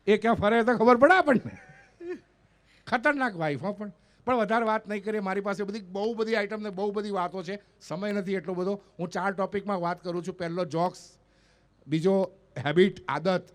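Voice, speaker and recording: A high-voiced, brisk man from North Gujarat, India, tells jokes as a stand-up comedian and mimicry artist. On an event stage before an audience, his live comic storytelling is animated, with the dialogue of the people in his stories acted out.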